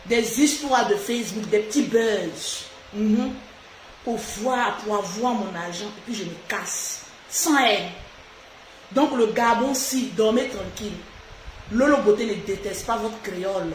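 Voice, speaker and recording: A woman hosting a casual live stream, talking outspokenly and animatedly straight to her viewers. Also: on the high side. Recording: echoey room with faint noise.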